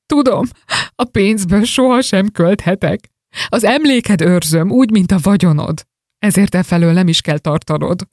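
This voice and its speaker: A reader voicing a tearful, devoted eldest son in a rhymed story, earnest and pitched up. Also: a little mellow, no echo, clean studio sound, close to an everyday voice.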